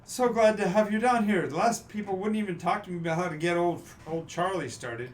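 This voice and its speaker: A man voicing a pompous, classy gentleman of questionable lineage in a tabletop game. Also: high voice, voice pushed up, close to an everyday voice. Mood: eager, welcoming. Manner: pompous, drawn-out delivery. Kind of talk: in-character tabletop role-play. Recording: noisy room recording.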